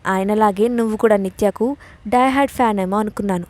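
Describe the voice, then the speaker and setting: A woman's voice: medium pitch, quick pace, a little mellow, no echo, lightly acted. A woman reading the part of a hot-tempered young woman who snaps back indignantly. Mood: defiant. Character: feisty young bride, defiant and hot-tempered.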